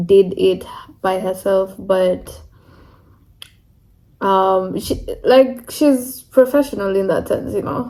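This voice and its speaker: A woman's voice: mid-range voice, warm tone, low-quality recording. A young woman from Kenya, talking candidly in a casual vlog, with lots of "like" and "you know". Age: young adult. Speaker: international student vlogger.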